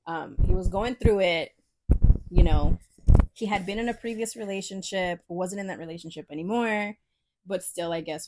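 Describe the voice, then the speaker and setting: Profane young woman telling a wild story. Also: on the low side. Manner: profane, animated storytelling with laughs. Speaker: podcast co-host. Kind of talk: casual storytelling chat.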